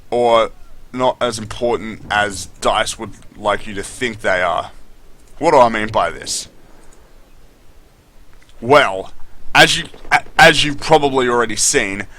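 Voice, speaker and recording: A man's voice: mid-range voice, pushed and bright. A man giving unscripted, opinionated game review commentary as a video host, speaking bluntly with casual swearing.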